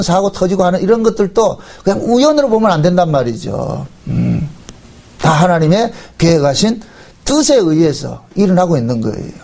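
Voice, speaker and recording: A man's voice: sits high, a little mellow. A middle-aged male pastor preaching a sermon. He asks rhetorical questions and uses frequent fillers, and he stretches out key words for emphasis.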